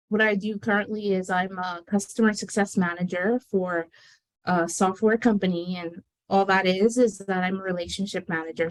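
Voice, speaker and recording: A woman's voice: mid-range voice, rough recording. A woman in her thirties from the Bahamas, a guest author talking earnestly and reflectively with many fillers. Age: 30s. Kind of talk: conversational interview.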